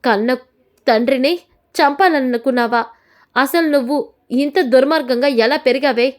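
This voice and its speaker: A woman's voice: high-pitched, moderate pace, close to an everyday voice. A woman voicing a scheming, furious old grandmother who scolds and accuses in a storytelling recap.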